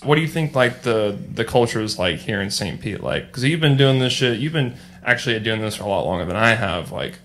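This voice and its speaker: A man's voice: fairly low pitch, expressive, a little fast, hardly any pauses, a bit bright. A man hosting a casual podcast, talking in a slangy, sweary and very informal way. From small-town United States. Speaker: podcast host.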